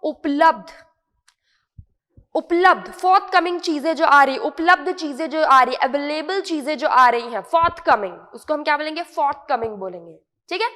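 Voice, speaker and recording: An Indian woman teaching English vocabulary in an online lesson, explaining patiently, repeating each word and checking often that it is clear. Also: high-pitched, unhurried, fairly bright tone, long reverb tail.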